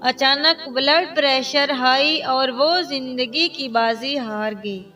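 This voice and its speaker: A woman voicing a grave hospital doctor. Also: high-pitched. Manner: grave, matter-of-fact. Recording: distant mic with soft music.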